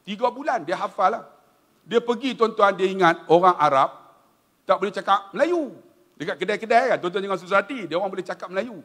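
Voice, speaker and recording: A middle-aged man with a Malaysian accent gives a lively religious lecture in a high, expressive voice, joking and turning to his listeners again and again. His voice rings through a large hall with a long reverb trailing after each phrase. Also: a little fast. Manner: animated, humorous, often addresses the audience directly. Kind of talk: lively religious talk to an audience.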